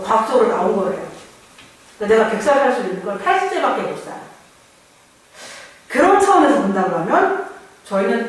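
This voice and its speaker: A pastor delivers a sermon in an easy, talky way, slipping into little voices to act out what people think. The pitch swings widely and keeps the delivery lively. The sound comes from a distant mic in a heavily echoing church. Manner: conversational, acts out inner voices. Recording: very echoey church, far mic.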